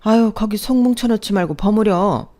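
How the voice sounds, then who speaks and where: A woman acts out a domineering middle-aged mother-in-law in a storybook drama. Her voice is warm in tone but loud, sharp and scolding, always ordering the young bride around. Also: medium pitch, normal speed, pitched above the performer's own voice, close to an everyday voice.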